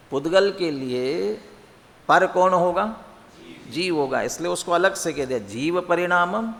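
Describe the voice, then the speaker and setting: A man teaching a religious text, explaining by posing and answering his own questions and chanting verses slowly. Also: on the high side, creaky, fairly bright tone, in a large hall. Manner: chants scripture slowly and deliberately. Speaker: scripture teacher.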